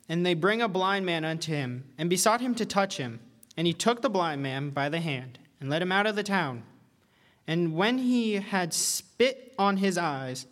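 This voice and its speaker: A young man preaching a sermon in an earnest, conversational way, rising to loud pleading cries. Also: a little high.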